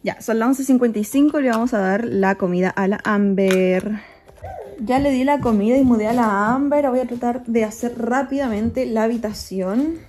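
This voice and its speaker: This is casual daily vlog narration from a woman in her 20s doing chores indoors in a small home, her phone held at arm's length. Her voice is fairly high with a darkish tone and a normal pace, and soft background music plays.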